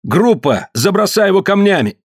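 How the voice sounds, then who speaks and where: A man voicing a brutish, bullying male gang boss who shouts angrily. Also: fairly high pitch, fast, dry recording, studio quality, pitched above the performer's own voice, lightly acted. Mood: furious. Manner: angry shouting.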